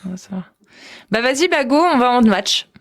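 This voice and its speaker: Woman, live stream host, casual chat, somewhat high voice, hesitant. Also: animated, normal speed.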